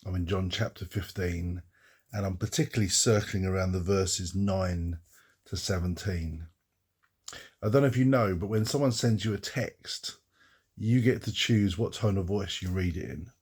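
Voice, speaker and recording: A man, a pastor, giving an earnest devotional Bible reflection and slowing down to stress key phrases. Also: low voice, a little mellow, breathy edge.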